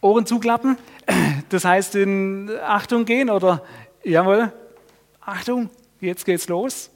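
A man preaching a sermon, telling a Bible story in a lively way and putting questions to his listeners. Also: high voice, takes it slowly. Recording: long reverb of a hall.

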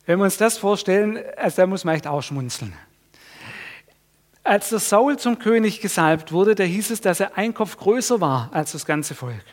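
A man preaching a sermon, telling a Bible story in a lively way and putting questions to his listeners. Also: sits high, moderate pace. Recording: long reverb of a hall.

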